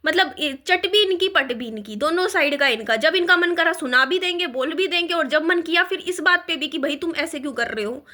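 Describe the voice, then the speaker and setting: A woman's voice: high-pitched, animated, fairly quick, few pauses, bright, forceful tone. A young woman ranting in a vlog, upset and stumbling, restarting her sentences as she vents. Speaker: vlogger. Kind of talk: emotional vlog rant.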